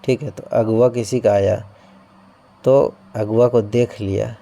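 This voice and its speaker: A man's voice: on the low side, fairly even intonation, slow, vocal fry, dark tone. A man teaching an exam-prep class, explaining through playful memory tricks and often checking in with his students. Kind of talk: coaching-class lesson.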